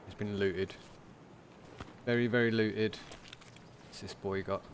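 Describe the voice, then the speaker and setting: A man streaming a game, talking through it in a casual, monotone commentary. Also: on the low side, takes it slowly, slight background noise.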